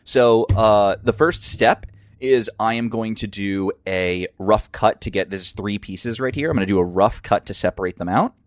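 Low-voiced man with a scratchy throat. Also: moderate pace, dry recording. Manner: enthusiastic, rambling, lots of fillers. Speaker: crafting channel host. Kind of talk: casual tutorial.

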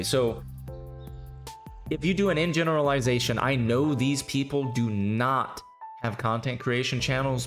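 A hungover man hosting a casual podcast chat, rambling and profane, slurring his words. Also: mid-range voice. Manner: rambling, profane, restarts often. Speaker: podcast host.

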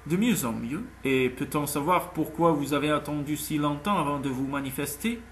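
A man's voice: fairly high pitch, normal speed, slight background noise, natural voice. A man voicing a cynical, sceptical wealthy man in an audiobook, with a dry, cutting delivery. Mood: cold. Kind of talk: audiobook character voice.

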